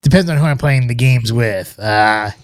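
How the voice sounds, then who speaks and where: Co-hosting a podcast, a man reviews scotch in a relaxed, rambling manner, hesitating and filling gaps with fillers and restarts. His voice is mid-range at a moderate pace. The recording is clean studio sound without echo.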